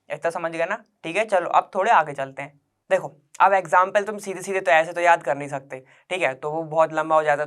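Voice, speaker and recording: Smooth-voiced man coaching students. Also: high-pitched, fairly bright tone. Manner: informal and coaxing, asks the class questions and checks they follow; repeats key points over and over. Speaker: teacher. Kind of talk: explaining chemistry step by step to students.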